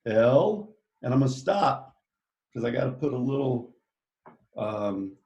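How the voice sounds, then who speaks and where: Casting: upbeat male art teacher, mid-pitched, echoey room. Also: sing-song, measured pace, vocal fry, a little mellow, muffled recording. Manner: enthusiastic, chatty, directs students step by step. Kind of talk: art lesson for children.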